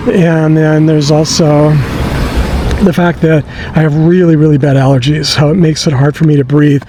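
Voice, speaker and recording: An older American man with a wheezy voice, out of breath, chatting casually in a halting, rambling way as he walks outdoors with the mic close to his mouth. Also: fairly high pitch, flat delivery. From suburb of Los Angeles, USA. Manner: rambling, halting, self-correcting. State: out of breath from walking uphill. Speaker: vlog host. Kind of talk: casual walking chat. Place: outdoors, walking on a hilly residential street. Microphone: camera microphone inches from the mouth. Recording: outdoor ambient noise, close camera mic.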